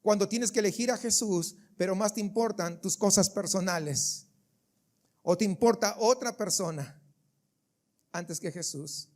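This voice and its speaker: A man's voice: high-pitched, unhurried, darkish tone. A man preaching a sermon as pastor of a church service, emphatic and full of rhetorical questions aimed at the congregation.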